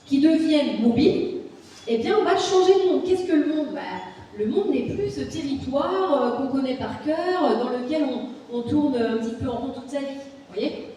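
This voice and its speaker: A woman's voice: high voice, dark tone, a little hiss or hum. A woman giving a public lecture in an explanatory way, often checking with the audience that they follow. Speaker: university lecturer giving a talk. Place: meeting hall. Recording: echoey hall from far off.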